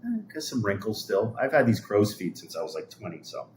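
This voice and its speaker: With a lowish, sing-song voice and a fairly quick pace, a New York man in his fifties hosts a casual livestream, answering comments in a meandering style that tends to trail away. Slight background noise can be heard.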